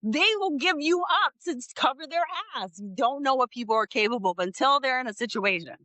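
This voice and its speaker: A woman hosting casual true-crime commentary, blunt and animated, with slangy asides. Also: high-pitched, fairly quick, dry recording. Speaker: host.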